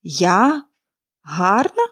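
Bitter bedridden woman in an audiobook, read by a woman, dry and peevish, a mellow voice that still moves around a lot. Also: on the high side, very animated, a little fast. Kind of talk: audiobook character reading.

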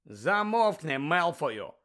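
A man's voice: on the high side, takes it slowly. Brief: man voicing defiant schoolboy hero, cutting retorts, audiobook. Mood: angry. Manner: sharp angry retorts. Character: brave teenage schoolboy wizard, quick-tempered.

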